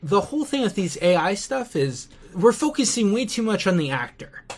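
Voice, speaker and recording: Man in a casual debate; emphatic, lively pitch, repeats points and interrupts. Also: normal speed.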